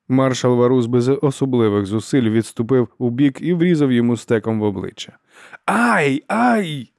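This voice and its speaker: A man reading an audiobook at a steady, mid-pitched narrating pace. The recording is dry and close, with no room sound. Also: no echo. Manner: even storytelling. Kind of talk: scripted narration.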